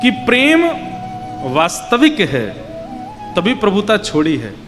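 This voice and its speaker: High-voiced man preaching a devotional sermon. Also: slow, big-room sound, music in the background. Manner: acts out child and mother voices in the story, lively. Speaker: Bhagavat katha preacher.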